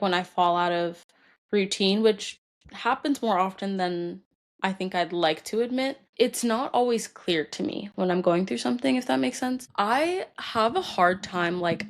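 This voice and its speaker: A young woman hosting a solo podcast, talking about her feelings in a halting way with many fillers, tearful and crying at times. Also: medium pitch. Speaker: podcast host. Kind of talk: personal solo podcast talk.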